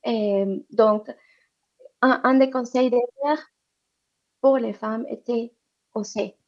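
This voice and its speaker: A woman with a fairly high, mellow voice talks slowly and mostly evenly. As an interview guest from economic development, she takes questions on women's entrepreneurship, hesitating often with fillers and false starts. The recording sounds muffled and lo-fi.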